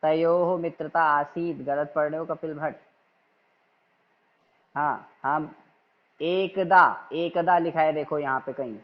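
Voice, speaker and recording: A man teaching an online class, calmly but firmly correcting his students' reading and repeating himself until they get it right. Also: on the high side, slow, pauses often, highs cut off. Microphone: video call.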